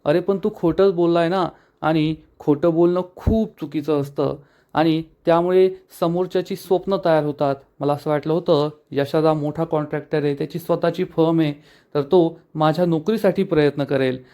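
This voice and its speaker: A woman's voice: low voice, fairly even intonation, moderate pace, warm tone, natural voice. A man reading a hurt young woman. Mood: reproachful.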